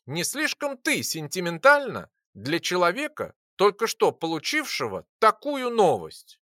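A narrator voicing a calm, ironic male alchemist who lectures patiently in an audiobook. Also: high-pitched, a little slow, no room sound, studio quality, pitched above the performer's own voice, full character voice. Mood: wry. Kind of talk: audiobook character voice.

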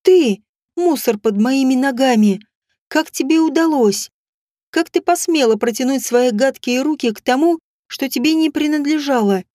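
A woman voicing a jealous, vicious non-human bride who snarls and shouts with scorn. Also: sits high, moderate pace, no room sound, studio quality, lightly acted. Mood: furious. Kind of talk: audiobook character voice.

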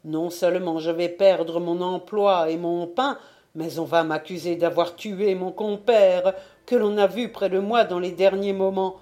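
A woman's voice: fairly low pitch, steady tone, unhurried, mellow, lightly acted. A woman voicing a frightened man, a church sacristan, who pleads and raises his voice in a storybook reading. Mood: terrified.

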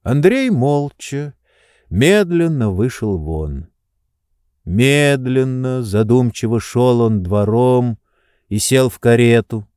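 A man narrating a classic novel as an audiobook, in measured, unhurried storytelling. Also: medium pitch, animated, a little mellow, clean tone, no room sound, clean studio sound. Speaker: audiobook reader.

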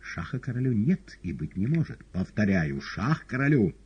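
A man's voice: lowish voice, sing-song, moderate pace, darkish tone, breathy edge, pitched above the performer's own voice, heavily acted. A man voicing an imperious old devil who commands his retinue with curt, ironic words. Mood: stern. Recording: dull lo-fi audiobook recording.

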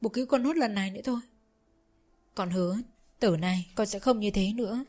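A woman's voice: medium pitch, unhurried, darkish tone, natural voice. A woman voicing a panicked young man who begs his father for help. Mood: begging. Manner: frantic, pleading.

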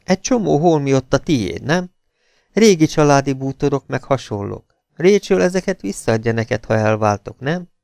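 A man voicing a jealous, scheming young woman who pleads and wheedles, in a gravelly voice. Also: mid-range voice, lively intonation, darkish tone, dry recording, studio quality, voice pushed up. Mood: wheedling.

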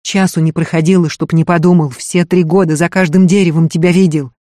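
A man's voice: on the high side, fairly even intonation, brisk, darkish tone, no room sound, natural voice. Cheeky young thief read by a man: coaxing, street slang, dry sound. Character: cheeky young male thief, escaped convict. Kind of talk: audiobook reading.

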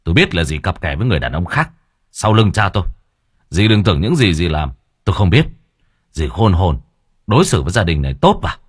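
A man voicing a blunt, hot-tempered young man who speaks gruffly and sternly. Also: low-pitched, big pitch swings, brisk, pauses often, full character voice. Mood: threatening.

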